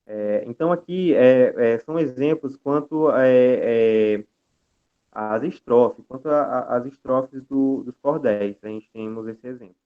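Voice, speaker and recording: Young Brazilian man, mid-pitched, guest lecturer presenting over a video call; hesitant delivery full of filler sounds and restarts, audio thin and phone-like. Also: measured pace, smooth. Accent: Brazilian Portuguese. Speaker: guest speaker.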